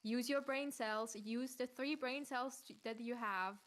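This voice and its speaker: Chatting on a live stream, a native German speaker with a German accent jokes around animatedly, laughing often and swearing casually. Her voice is a little high and her pace a little slow.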